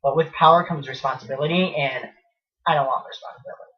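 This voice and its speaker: A young man co-hosts a casual chat show, speaking fast in a fairly high, steady voice. He's frank and blunt and often mocks himself. The recording has a distant mic and a dull, lo-fi sound.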